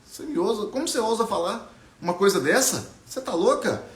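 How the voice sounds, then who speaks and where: A man's voice: high voice, big pitch swings, brisk, echoey room, pitched above the performer's own voice. A man playing a strict old owl teacher. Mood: scolding. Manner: scolding, dismissive.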